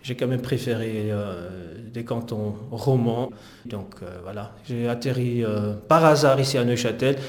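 Speaking at a measured pace with a slightly mellow, medium-pitched voice, a middle-aged man from the Netherlands recounts his life story in interview answers. He is a physiotherapist, sounds hesitant, and the room has a spacious sound.

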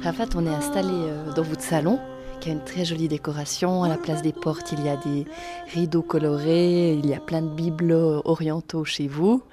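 A woman hosting a radio interview, asking gentle, measured questions. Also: sits low, steady tone, music in the background.

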